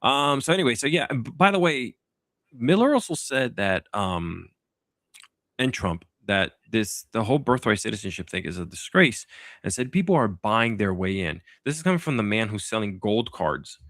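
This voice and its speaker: A man with a gravelly, fairly low voice hosts a casual political podcast. He rambles a little, restarts his sentences and drops sarcastic asides. The recording is dry and close, with no room sound. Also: sing-song, moderate pace, fairly bright tone, no echo. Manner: loose and sarcastic, with many fillers and restarts. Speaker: podcast host.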